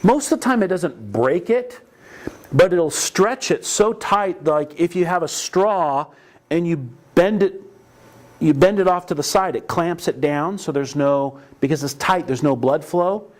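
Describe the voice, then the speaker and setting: A man's voice: fairly high pitch, animated, a little slow. A middle-aged man teaching an emergency medical class in a classroom, talking casually and mixing in stories from calls. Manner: conversational, anecdotal, with frequent restarts. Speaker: EMS instructor. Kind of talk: classroom lecture. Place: training classroom.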